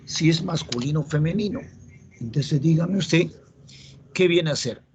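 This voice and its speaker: A man's voice: fairly high pitch, a little slow, crowd noise. A man with a Peruvian Spanish accent teaching a grammar lesson for an entrance exam, repeating the rules and quizzing his students. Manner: explains patiently, repeats key rules, asks the class questions.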